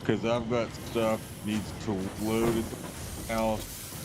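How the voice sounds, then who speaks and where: A man in casual gaming voice chat, halting and restarting his phrases while his connection breaks up and drops syllables. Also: lowish voice, completely flat delivery. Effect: voice chat connection breaking up, dropping syllables. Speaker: co-op game player. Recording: noisy, choppy online voice chat.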